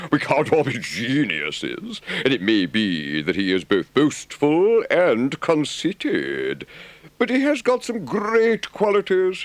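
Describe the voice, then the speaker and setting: A man voicing a good-natured, worldly river rat in an audiobook, with a deliberate, emphatic gentlemanly drawl. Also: medium pitch, no room sound, voice pushed up, heavily acted. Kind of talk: audiobook character voice.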